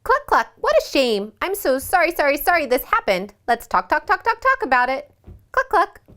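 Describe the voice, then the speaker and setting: A fussy, chatty storybook hen, as a woman puts her on, clucking and repeating her words in a sing-song. The voice jumps up very high and swoops all over. She sounds sorry and eager to talk. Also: wildly swooping pitch, normal speed, a bit bright, full character voice. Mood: fussy sympathy.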